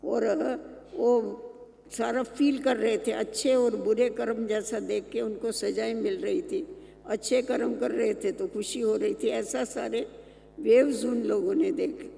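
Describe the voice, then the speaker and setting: Slow, mellow spiritual teacher, man, very high and gravelly, echoing hall. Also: fairly even intonation, slight background noise. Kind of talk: reading and explaining a spiritual text. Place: meditation centre hall.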